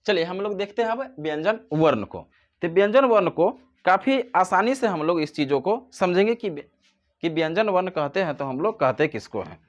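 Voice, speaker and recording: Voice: medium pitch, muffled recording. A teacher giving a grammar lesson, posing questions and answering them, drawing out example sounds to show their length. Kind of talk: classroom-style grammar lesson.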